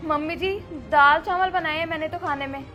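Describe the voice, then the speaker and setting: Defiant young daughter-in-law, played by a woman, sassy and dismissive, very high voice, music under. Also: fairly even intonation, a little fast, bright, forceful tone.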